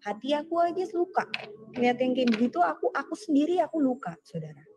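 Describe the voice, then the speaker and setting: A woman's voice: high voice, very animated, fast, a little mellow, a little hiss or hum. A young woman gives a fervent sermon over a video call. She asks urgent rhetorical questions and slips into slangy, casual asides. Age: young adult. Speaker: speaker giving a testimony and exhortation. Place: online prayer meeting on a video call.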